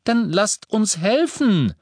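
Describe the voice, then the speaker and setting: A man's voice: medium pitch, normal speed, no echo, studio quality, voice pushed up, lightly acted. A man voicing an earnest, determined teenage boy in an audiobook.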